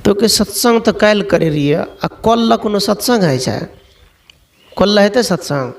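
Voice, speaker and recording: A man's voice: high-pitched, expressive, unhurried, vocal fry. A man preaching a sermon, telling stories and firing off rhetorical questions. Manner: storytelling, full of rhetorical questions.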